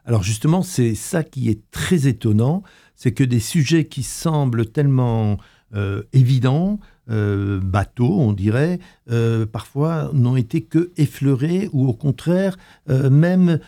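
A young history master's student from Alsace, France, is a guest in a radio studio, answering interview questions hesitantly with many fillers and restarts. His mid-range voice is animated yet unhurried, with a dark tone.

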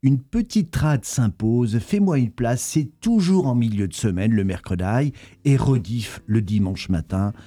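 Chatty Alsatian radio host, mellow voice. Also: male voice, medium pitch, lively intonation, measured pace. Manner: chatty and effusive, slips German words into his French. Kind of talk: radio interview. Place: radio studio.

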